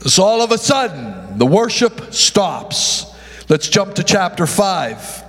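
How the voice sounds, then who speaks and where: A male pastor preaches a sermon in a church sanctuary, calling out to the congregation in call-and-response and often stumbling and correcting himself. His voice is high-pitched and sing-song, fairly bright and slightly rough, and he takes it slowly. The recording carries the long echo of a large hall.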